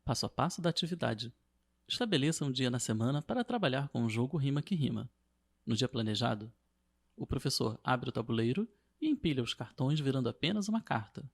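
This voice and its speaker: A man narrating a scripted lesson as a teacher, in a steady, measured reading. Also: mid-range voice, creaky.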